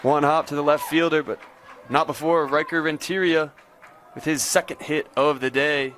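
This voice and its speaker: A man's voice: on the high side, steady tone, moderate pace, a bit bright, a little hiss or hum. A man giving live play-by-play baseball commentary as a sports announcer.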